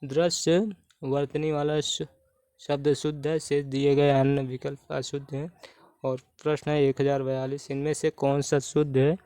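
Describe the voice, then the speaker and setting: A man's voice: medium pitch, flat delivery, normal speed, warm tone, clean tone, dry recording. A man teaching Hindi spelling for exam preparation, going through questions methodically and repeating each answer. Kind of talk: explaining spelling questions step by step.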